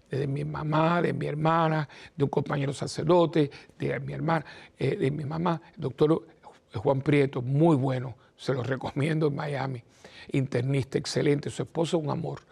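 A priest hosting his own program tells personal family stories, rambling and chatty, acting out the dialogue in casual storytelling fashion. His voice is fairly high, gravelly, slightly rough, and a little mellow.

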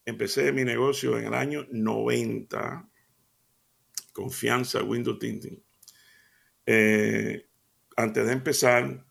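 A man's voice: medium pitch, vocal fry, husky. An older man hosting a radio devotional, talking in an earnest, folksy way with many hesitant fillers.

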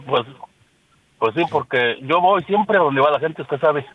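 A man with a Michoacán Mexican accent calling in to a radio show, speaking devoutly and haltingly with fillers. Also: on the high side, expressive. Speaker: caller. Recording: muffled phone line.

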